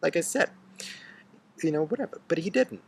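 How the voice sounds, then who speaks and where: A man telling a bitter story in an angry rant, swearing and swinging from hushed seething to loud outbursts. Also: on the high side, animated, moderate pace, gravelly, breathy edge. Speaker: storyteller ranting to camera. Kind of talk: angry first-person rant.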